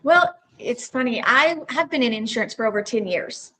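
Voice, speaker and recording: Female podcast guest, Texas accent with a drawl, slightly high voice, casual storyteller. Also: lively intonation, moderate pace, sharp tone. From Texas Panhandle, United States. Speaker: podcast guest, roofing company owner.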